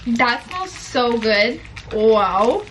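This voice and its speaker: A woman's voice: a little high, expressive, drawn-out words, faint music behind. A nineteen-year-old woman vlogging as she opens gifts, teary and gushing, filling her talk with "like" and "literally". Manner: gushing, tearful, says "like" and "literally" often. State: teary, on the verge of crying. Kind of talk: emotional unboxing vlog. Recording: distant mic with loud background noise.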